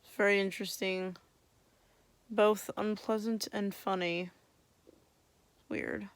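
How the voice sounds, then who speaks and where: A young woman talks casually to her vlog after wisdom teeth removal, with a lisp from her swollen mouth. Her voice is creaky and drowsy, at an ordinary pitch, recorded close and dry. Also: steady tone, slow, dry recording. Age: young adult. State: tired, drowsy from medication. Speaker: vlogger. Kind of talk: casual chat.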